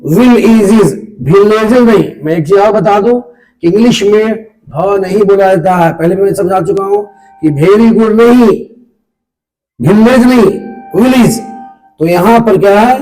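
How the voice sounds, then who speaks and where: A man teaching an English pronunciation lesson to pupils, slowly repeating and spelling out sounds. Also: high voice, warm tone, soft background music, low-quality recording.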